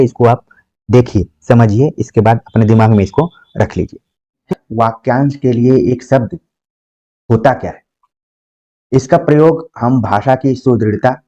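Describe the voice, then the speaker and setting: A man teaching grammar for an exam, explaining patiently, repeating example words slowly and asking himself rhetorical questions. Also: medium pitch, warm tone, no room sound. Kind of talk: exam-prep grammar lesson. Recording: dull, muffled dry recording.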